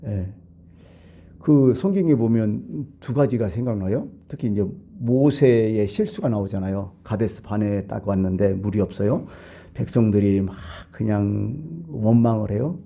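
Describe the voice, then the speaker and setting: A pastor preaching a sermon, explaining scripture in a plain conversational way. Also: male voice, on the low side, animated, a little slow, vocal fry, dark tone. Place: church.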